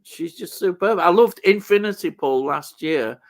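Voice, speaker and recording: An older man from Yorkshire with a local accent and a slightly high-pitched voice. He hosts a relaxed chat about film and television, talking with enthusiasm and wandering from thought to thought. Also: moderate pace. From Yorkshire, England. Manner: enthusiastic, rambling. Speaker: show host.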